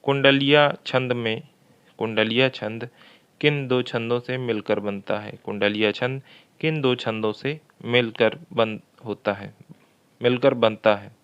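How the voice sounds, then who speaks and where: A man's voice: medium pitch, fairly even intonation, fairly bright tone, clear, resonant tone, dull audio. A man teaching a Hindi grammar lesson for exam preparation, reading each question twice and working through it step by step. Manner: slow and methodical, repeats questions aloud.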